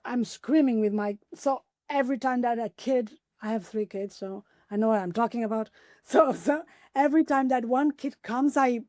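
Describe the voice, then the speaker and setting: A woman in her forties speaks as a guest on an interview podcast. Her fairly high voice turns animated and leaps upward when enthusiasm takes over. The sound is close and dry. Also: normal speed, no echo. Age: 40s. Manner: enthusiastic, pitch jumps up when excited; animated, acts out her own inner questions. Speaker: podcast guest, applied philosopher. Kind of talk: conversational interview.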